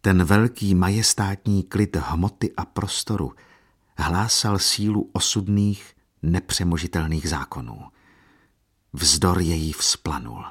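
A man narrating a literary audiobook in a measured, solemn reading voice. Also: deep voice, breathy edge.

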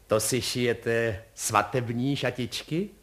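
A man's voice: mid-range voice, lightly acted. Man doing a fussy, folksy old-time postman. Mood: sympathetic. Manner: fussy folksy exclamations, warm-hearted. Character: kindly chatty old-fashioned male postman.

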